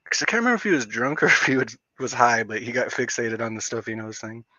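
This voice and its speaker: Rambling excitable man streaming casually. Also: mid-range voice, fast, dry recording. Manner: rambling, excitable, heavy use of "like". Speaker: livestream host. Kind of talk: casual livestream chat. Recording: dull lo-fi dry stream audio.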